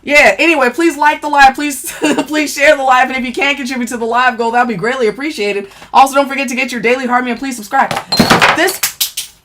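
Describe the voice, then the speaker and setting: A woman talking casually on a livestream about makeup, chatty and excitable, swearing freely and addressing her viewers directly. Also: high voice, fast talker, hardly any pauses, a little hiss or hum. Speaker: livestream seller reviewing makeup. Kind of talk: casual live-stream chat.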